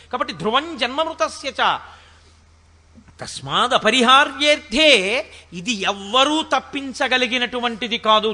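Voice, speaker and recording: A man with a very high, bright voice delivers a spiritual discourse in a large hall with a long, ringing reverb. He chants scripture verses slowly, then explains them in lively, conversational asides. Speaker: spiritual speaker.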